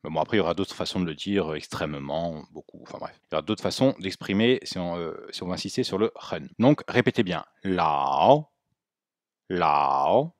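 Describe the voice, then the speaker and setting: A man with a fairly low voice gives a spoken language lesson. He explains patiently and models each sound for learners to repeat. The recording is dry and close. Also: fast, hardly any pauses, dry recording. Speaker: Mandarin teacher.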